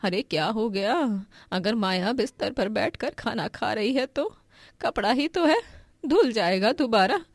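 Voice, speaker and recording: A woman's voice: fairly high pitch, dry recording. A woman voicing a weary middle-aged mother-in-law in a cartoon story, who talks in a placating way.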